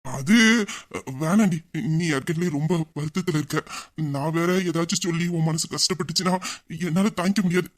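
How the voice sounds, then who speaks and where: A man's voice: fairly high pitch, fairly even intonation, fairly quick, close to an everyday voice. A young man voicing a playful, smug husband in an audio drama, teasing and mock-sad. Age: young adult.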